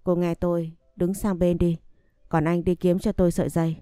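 A brisk, authoritative businessman from an audio story, giving firm orders, voiced by a female narrator. His lines come low and dark, in a dry close recording. Faint music sits under him. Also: flat delivery, dry recording, lightly acted. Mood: commanding.

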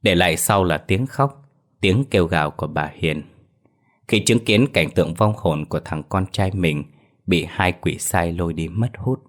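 A man narrating a horror story as storyteller in a slow, dramatic telling. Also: deep voice.

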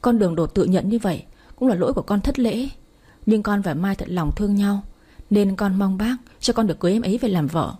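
A woman's voice: mid-range voice, animated, a little fast, warm tone, husky. A woman reading the lines of an earnest, respectful young man asking to marry. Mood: pleading. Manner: pleading, respectful. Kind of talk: audiobook story reading.

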